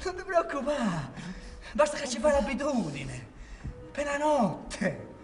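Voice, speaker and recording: A stage actor with a Neapolitan accent playing a volatile, scornful man in a live theatre performance, swinging between loud taunting shouts and hushed menace. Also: extremely high pitch, huge pitch swings, slow pace, a little hiss or hum, heavily acted. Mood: brooding.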